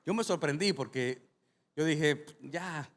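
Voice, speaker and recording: A man, a pastor, preaching a sermon and telling a personal story, speaking straight to the congregation in a lively way. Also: a little high, slow. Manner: animated, addresses the congregation directly. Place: large church hall with a congregation. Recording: long reverb from a large hall.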